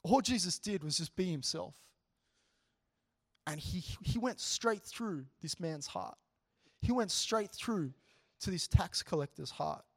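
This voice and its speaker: A man's voice: high-pitched, a little slow. Earnest man telling a story in a casual sermon. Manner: earnest, animated, with frequent "you know" asides. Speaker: preacher sharing a testimony.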